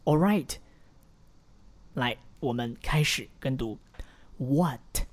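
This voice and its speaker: A man teaching English pronunciation in a repeat-after-me audio lesson. He coaches patiently and encouragingly, modelling phrases slowly. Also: mid-range voice, lively intonation.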